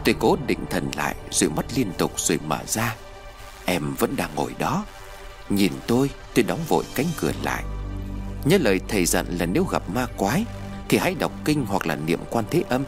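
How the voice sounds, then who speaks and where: A man narrating a first-person ghost story as an audiobook reader, in an expressive, dramatic way. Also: low-pitched, moderate pace, music in the background.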